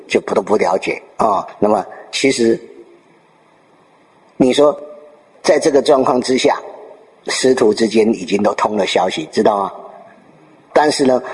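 A man giving a Buddhist dharma talk, telling a Zen story with lively storytelling and rhetorical questions to his listeners. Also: fairly low pitch, normal speed. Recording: long reverb in a hall.

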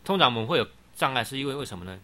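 A man's voice: medium pitch, big pitch swings, rapid-fire, sharp tone. A middle-aged man giving a Buddhist dharma talk, patiently explaining and often saying "好" between points. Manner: frequent "好" interjections, patient explaining. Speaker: Buddhist teacher. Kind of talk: dharma talk answering questions.

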